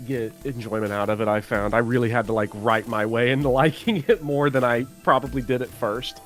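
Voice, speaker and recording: A man's voice: mid-range voice, fairly even intonation, fairly quick, fairly bright tone. A man chatting casually as a guest co-player on a game stream, rambling with frequent restarts. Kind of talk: casual let's-play chat. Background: game music.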